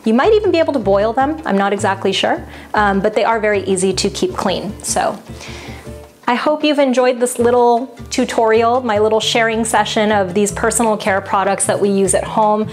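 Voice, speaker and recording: Woman, chatty, relaxed, casual tutorial, faint music behind. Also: mid-range voice, moderate pace. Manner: chatty, relaxed, frequent fillers. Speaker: wellness coach and vlogger. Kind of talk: casual product tutorial to camera.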